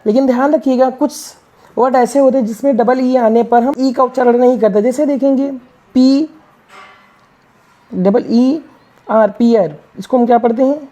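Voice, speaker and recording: A woman's voice: on the high side, normal speed, dark tone. A woman teaching English reading, spelling out words letter by letter and asking and answering her own questions. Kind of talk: classroom-style reading lesson.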